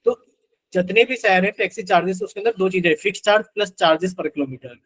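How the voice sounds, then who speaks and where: High-pitched guy teacher on an online class, explains slowly, keeps asking "clear?". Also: a bit bright, low-quality recording. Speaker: math teacher. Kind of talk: live online math class.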